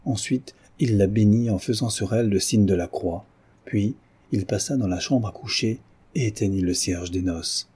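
A man narrating a novel as an audiobook, in a measured and solemn manner. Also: lowish voice, mellow, husky.

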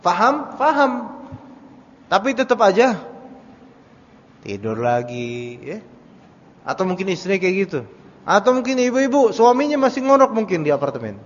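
Male religious teacher, high voice, conversational lecture with rhetorical questions, dull recording with long reverb. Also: very animated, normal speed, long pauses. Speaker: Islamic teacher. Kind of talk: Quran commentary study lecture.

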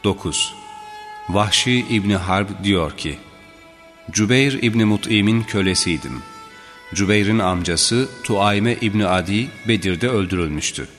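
Low male narrator, measured and solemn, reading religious history, long reverb and soft music behind. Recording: reverberant with faint background music.

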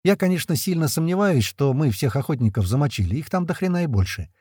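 A man tells a first-person audiobook story in a lively, colloquial voice. His tone is husky and mellow, and his pitch rises and falls a lot. The recording is dry and close. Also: quick pace, no echo. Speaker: audiobook narrator.

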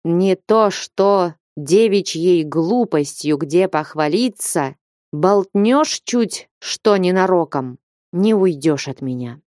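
A stern, commanding old merchant gives orders in a low, mellow voice, as a woman narrator reads him. His warnings come slow and heavy, and the dry, close recording keeps every word near. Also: expressive, no echo. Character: stern older merchant man, gruff and commanding.

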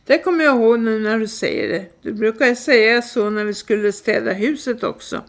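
Lady reading as a big brother cracking dry sarcastic jokes, ribbing his sibling, voice sits a bit high. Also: natural voice. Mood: teasing. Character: teasing grown man, the narrator's older brother.

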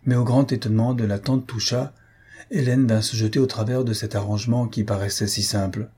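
Dark, husky male audiobook narrator. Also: mid-range voice, fairly even intonation, brisk. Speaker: audiobook reader. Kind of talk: novel narration.

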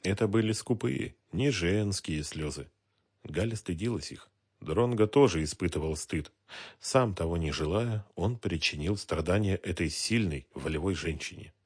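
A man reading an audiobook, narrating a tense scene in a measured, dramatic way. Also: low voice, darkish tone, breathy edge. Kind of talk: scripted narration.

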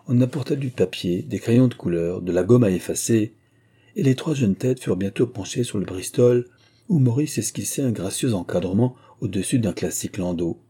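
A man narrating a classic novel aloud in calm, even storytelling. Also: lowish voice, moderate pace, breathy edge. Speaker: audiobook reader.

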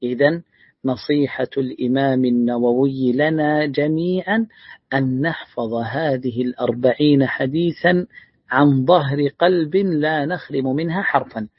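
A man's voice: medium pitch, normal speed, breathy edge, dry recording. A man teaching a religious lesson, reading a classical text aloud and explaining it with short asides. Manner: reads a classical text aloud, then adds brief plain remarks. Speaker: sheikh teaching hadith. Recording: dull lo-fi dry recording.

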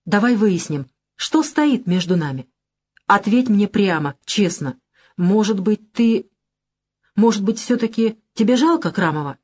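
A woman's voice: mid-range voice, animated, unhurried, a little mellow, slightly rough. Woman reading as a firm, earnest young guy with principles, audiobook dialogue.

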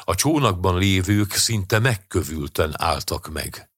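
Deep, husky male audiobook narrator. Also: expressive, a bit bright, no room sound, studio quality.

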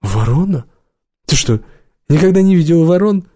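A man voicing a bald, tough-looking man who talks in a husky, mocking way. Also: medium pitch, unhurried, dark tone, no room sound, clean studio sound, close to an everyday voice. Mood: amused. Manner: mocking, smirking.

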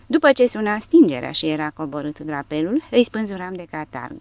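Cold menacing legionnaire guy read by a woman, low gravelly voice, dry recording. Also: very animated, darkish tone, no room sound, lo-fi sound. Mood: coldly menacing. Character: cold, vengeful male foreign legionnaire. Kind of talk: audiobook character reading.

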